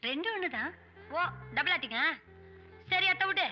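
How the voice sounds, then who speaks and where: A scared comic fortune teller. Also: female voice, extremely high pitch, animated, sharp tone, highs cut off, faint music behind, heavily acted. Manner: quick comic banter, mock bravado. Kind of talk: Tamil film comedy dialogue.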